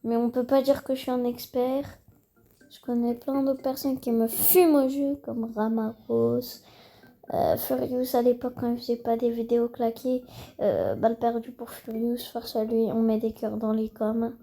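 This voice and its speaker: A woman's voice: on the high side, flat delivery, normal speed, creaky, dark tone, rough recording. A woman giving casual, rambling gameplay commentary full of fillers, now and then slipping into English words. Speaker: gaming video creator.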